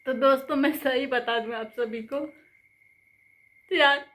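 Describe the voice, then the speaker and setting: A woman vlogger with a high voice and a way of speaking. She talks on and on to her viewers, indignant and emphatic, circling back to the same points. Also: takes it slowly, fairly bright tone. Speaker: channel host. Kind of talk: angry commentary vlog.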